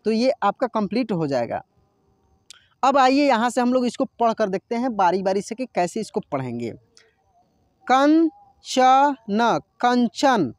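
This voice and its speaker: A man's voice: very high voice, a little mellow, dry recording, studio quality. Man teaching Hindi words. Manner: slow drawn-out reading of words for learners; explanatory, repeats words twice. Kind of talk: online Hindi lesson.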